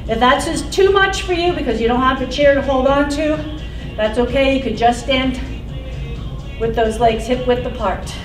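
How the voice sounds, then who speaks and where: In a roomy exercise studio with a wooden floor, a high-pitched woman runs an aerobics class at a moderate pace, cheerfully encouraging everyone and counting reps out loud. The mic sits at a distance, and loud workout music fills the background.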